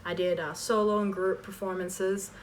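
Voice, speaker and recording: Speaking at a normal speed with a level tone, this mid-range female voice belongs to an online voice performer in her twenties. She fields fan questions casually, wandering off track and interrupting herself often, while a distant mic picks up obvious background noise.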